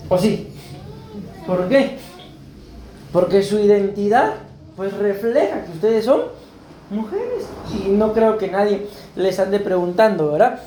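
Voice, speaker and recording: Warm and high-pitched, the pastor's voice moves unhurriedly, with long pauses between thoughts. He preaches conversationally and often asks his congregation "¿verdad?". Echo from the church hall and faint background noise fill the recording.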